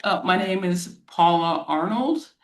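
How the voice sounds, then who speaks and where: An American woman from Florida, a lawyer speaking as a guest and explaining things slowly and plainly for English learners over a video call. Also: lowish voice, expressive, echoey room, rough recording. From Florida, United States. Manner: measured, explains terms plainly.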